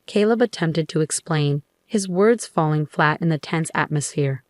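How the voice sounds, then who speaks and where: A woman narrating a first-person story in a controlled, measured way. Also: low voice, no room sound, studio quality.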